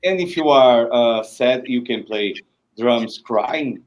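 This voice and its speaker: A man hosts a live stream interview over a video call. He talks slowly at an ordinary middle pitch. He stops often to search for words, with repeated uhs and restarts. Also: rough recording.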